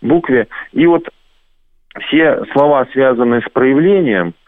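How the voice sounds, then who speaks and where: A man from Belarus, a radio guest who explains patiently and slowly spells out sounds as examples. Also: medium pitch, no echo. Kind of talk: radio conversation. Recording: tinny phone-like line.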